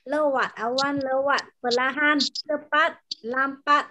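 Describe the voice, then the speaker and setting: A woman teacher in an online class, patiently explaining words and pronunciation and repeating them slowly over a video call. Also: sits high, steady tone, bright, forceful tone, dull audio. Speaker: language teacher.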